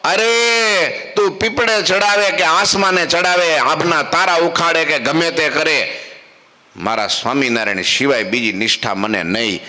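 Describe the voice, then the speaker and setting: A man's voice: mid-range voice, flat delivery, normal speed, bright, forceful tone, natural voice. Stubborn devout village woman, scolding; a man voicing her in a sermon story, hall reverb. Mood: defiant. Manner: scolding, defiant.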